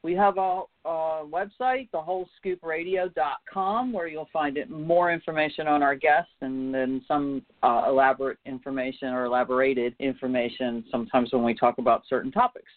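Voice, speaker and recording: A man hosting a call-in radio show in a chatty, upbeat way, pausing with ums and restarting phrases. His voice sits a bit high for a man. It comes through a tinny, dry phone line. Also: fairly even intonation, no room sound. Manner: chatty, filler-heavy, upbeat.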